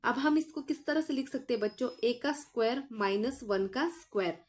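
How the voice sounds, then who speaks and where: A woman teacher with a fairly high voice works through a math lesson one step at a time. She keeps asking her students what comes next and answers right away, in a patient, explaining tone. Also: brisk. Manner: explains aloud, asks the class questions and answers them herself; addresses students as children.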